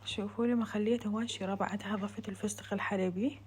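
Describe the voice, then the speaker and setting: A woman vlogger speaks in a southern Iraqi Arabic accent, at a middling pitch. She narrates her home cooking casually and chattily, addressing her viewers as friends. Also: fairly even intonation, racing, darkish tone, a little hiss or hum. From Iraq. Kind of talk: casual vlog voice-over.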